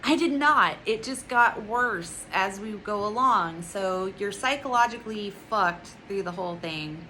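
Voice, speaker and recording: Bright-voiced young woman ranting a review. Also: medium pitch, lively intonation, measured pace, few pauses, slight background noise, low-quality recording. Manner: ranting, profane, sarcastic. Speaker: movie reviewer. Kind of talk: casual vlog review.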